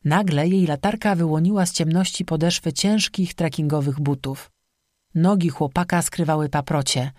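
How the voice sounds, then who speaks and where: Steady, measured audiobook narrator, mid pitch, dry booth sound. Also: no room sound.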